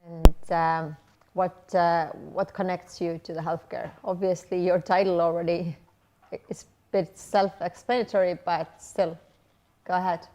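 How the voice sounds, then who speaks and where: Brisk female panel moderator, lowish voice. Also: level tone, warm tone, a little hiss or hum. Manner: brisk, hands over the floor.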